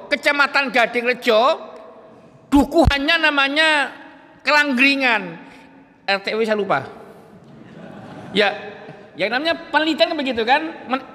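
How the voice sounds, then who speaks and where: A man's voice: extremely high pitch, bright, forceful tone. A man preaching a casual religious lecture in a mosque, telling stories with laughter and talking straight to the congregation. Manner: chatty storyteller who laughs and addresses the audience directly. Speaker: Islamic preacher. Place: mosque hall. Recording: echoey mosque hall.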